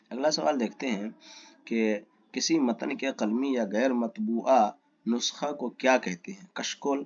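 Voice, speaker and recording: A man's voice: medium pitch, highs cut off. A man teaching a lesson. He reads exam questions and their options aloud, asks for the right answer and then gives it.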